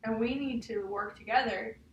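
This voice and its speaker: Reading a picture book aloud with a child, this female teacher speaks at normal speed in a voice on the high side. She steers the conversation and keeps seeking agreement, tagging statements with a checking "huh?" Picked up by a distant mic, the sound is roomy with a little faint noise.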